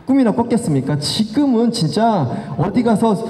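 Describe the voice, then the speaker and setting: A man's voice: high voice, normal speed. A middle-aged man telling stories at a talk concert, acting out family members' lines as he goes. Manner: animated, acts out family quotes in changing voices. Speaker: guest speaker. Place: large hall with audience. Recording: echoey hall reverb.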